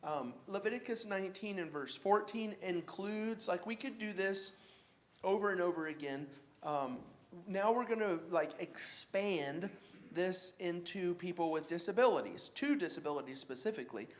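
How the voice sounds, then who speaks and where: A man teaching a church Bible class in a casual, halting way, with many fillers and restarts. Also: high voice, expressive.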